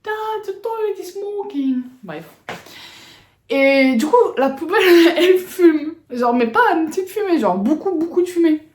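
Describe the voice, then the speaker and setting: A woman's voice: sits high, animated, a little slow, slight background noise. A woman vlogger telling a story in a casual, slangy, rambling way. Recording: roomy echo.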